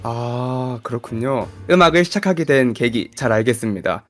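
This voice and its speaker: A man's voice: mid-range voice, lively intonation, normal speed. A man co-hosting an interview show, reading questions in a polite, formal presenting style. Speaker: interview co-host. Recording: music playing behind. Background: background music.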